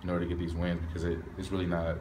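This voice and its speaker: A young man, a college football player, answering postgame questions in a low-key, candid way from a stadium hallway. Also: monotone, very fast, background noise. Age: young adult. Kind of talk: postgame press interview. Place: hallway of a stadium in front of a sponsor backdrop. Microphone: reporters' recorders held close.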